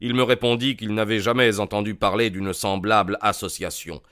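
A man's voice: on the low side, steady tone, moderate pace, fairly bright tone, lightly acted. A man voicing a bewildered, aggrieved middle-aged client in an audiobook, earnest and plain. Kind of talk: audiobook character voice.

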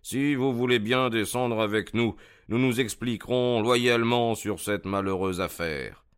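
A man voicing a sharp, decisive male detective in a read-aloud story, speaking in a measured, commanding way over faint music. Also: mid-range voice, smooth, lightly acted. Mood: dignified.

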